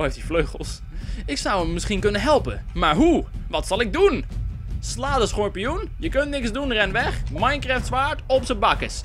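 A young man doing let's play commentary, sarcastic and jokey, swearing often. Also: sits high. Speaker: gaming YouTuber. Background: faint game music.

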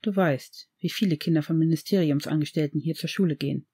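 A woman reading the part of an old male headmaster, grave and gentle, in an audiobook of fan fiction. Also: low voice, husky. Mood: earnest. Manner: earnest, measured, reproachful.

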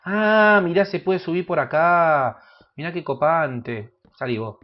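A man with an Argentine Spanish accent giving crude, joking gameplay commentary that bursts into loud shouts. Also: a little high, measured pace, dull audio. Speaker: gaming youtuber.

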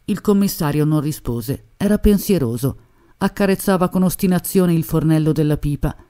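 Brief: female novel reader, steady pace, soft mellow voice. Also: deep voice, moderate pace. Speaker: audiobook reader. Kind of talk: literary narration.

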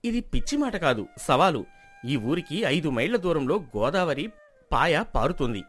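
Speaking in a somewhat high, bright, sing-song voice, an actor plays an earnest young man from the village. In this storybook drama, he pleads with the elders in a quick, persuasive argument.

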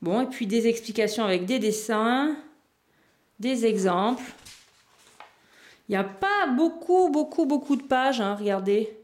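A woman with a somewhat high voice hosts a casual board game unboxing. She chats easily and thinks aloud as she lifts out each piece, showing it to the viewers. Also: animated, unhurried, long pauses, darkish tone. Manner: chatty, thinks aloud while handling items, small laughs.

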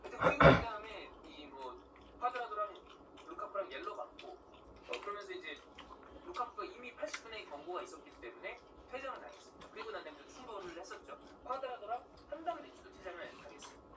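A man's voice: sits high, big pitch swings, fast talker, distant mic, background noise. Man talking football with his mouth full. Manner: chatty, explains and asks viewers rhetorical questions. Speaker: vlog host. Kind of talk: casual football chat while eating.

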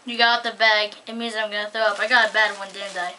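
A woman's voice: mid-range voice, level tone, fast talker, sharp tone, slight background noise. A teenage girl hosting a casual taste-test at home, giggling often and teasing. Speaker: channel host.

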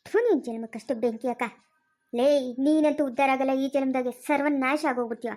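A high-voiced performer plays a stern elder brother in a homemade village drama. He hurls curses and bans his brother from the house. The voice sits very high for a man. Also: steady tone, fairly quick, natural voice. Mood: enraged. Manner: shouting curses and threats.

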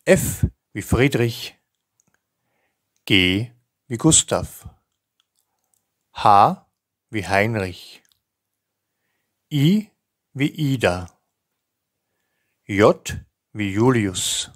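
A man in his fifties with a fairly low voice, speaking extremely slowly as a language teacher. He enunciates each example deliberately, in a dry recording with little room sound. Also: animated, dry recording. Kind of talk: language lesson, slow clear recitation of example words.

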